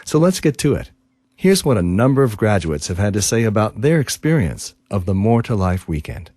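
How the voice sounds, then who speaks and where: A man giving a friendly, measured scripted narration introducing a program. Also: lowish voice, sing-song, darkish tone, no echo, clean studio sound.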